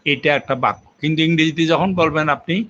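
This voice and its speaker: Older professor lecturing patiently, lo-fi. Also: male voice, a little high, steady tone, quick pace, fairly bright tone. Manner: patient, lecturing with examples and fillers. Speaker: linguistics professor. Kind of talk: explanatory academic interview. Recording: muffled lo-fi recording.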